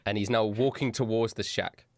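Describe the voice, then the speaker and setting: A man's voice: lowish voice, steady tone, moderate pace, dry recording. A man acting as game master, narrating a tabletop game in a casual, improvised way. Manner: casual, sweary.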